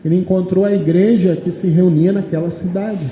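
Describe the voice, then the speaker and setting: A man with a Brazilian Portuguese accent preaches at a church meeting in a high, warm voice, fairly quick and fairly even in intonation. He reads out verses, explains them and keeps asking the congregation "amém?". The recording sounds muffled, with an echoey hall's long reverb and faint background noise.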